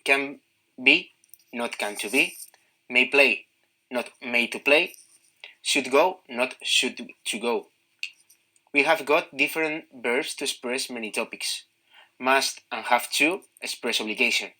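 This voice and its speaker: Slow, bright male lesson narrator. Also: medium pitch, low-quality recording. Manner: slow and measured.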